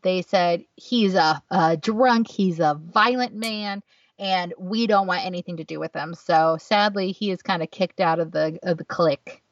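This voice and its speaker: A woman with a lowish voice co-hosts a podcast, telling stories at a measured pace in a chatty, casual way full of fillers. The recording sounds dull, distant and dry.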